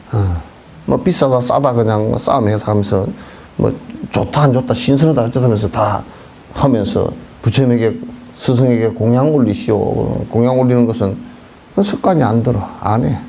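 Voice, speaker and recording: A man's voice: medium pitch, creaky, mellow. A middle-aged man, a Buddhist monk, giving a casual sermon and telling folksy stories, sometimes acting out voices. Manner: folksy storytelling, acting out beggars' songs and dialect.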